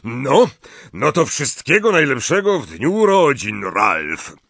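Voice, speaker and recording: A man's voice: mid-range voice, sing-song, takes it slowly, gravelly, a bit bright, husky, dry recording, pitched above the performer's own voice, full character voice. A man voicing a jovial, fussy old wizard professor who chuckles and repeats himself. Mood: toasting.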